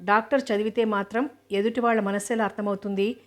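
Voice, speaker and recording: A woman voicing a calm, teasing young male medical student who speaks in a playful, unhurried way. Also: medium pitch, close to an everyday voice.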